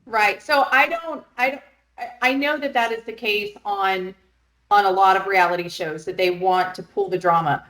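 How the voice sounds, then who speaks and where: A woman's voice: medium pitch, moderate pace, fairly bright tone. A woman in her thirties co-hosting a podcast, chatting casually, blunt and frank and swearing freely. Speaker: podcast co-host. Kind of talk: casual chat. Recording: roomy echo.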